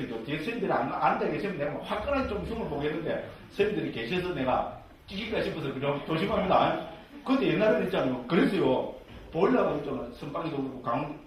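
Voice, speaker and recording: A man who teaches Buddhist scripture as a monk, in a jokey, conversational way that is full of tag questions. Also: on the high side. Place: lecture room with a live audience. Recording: echoey room from far off, faint hiss.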